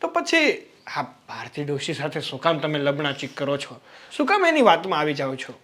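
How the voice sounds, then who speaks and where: Give me a man playing an exasperated younger brother-in-law with a high, bright voice. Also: wildly swooping pitch, normal speed. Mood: persuading. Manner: coaxing, then loud and exasperated. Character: younger brother-in-law lecturing his sister-in-law. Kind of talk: family drama acting.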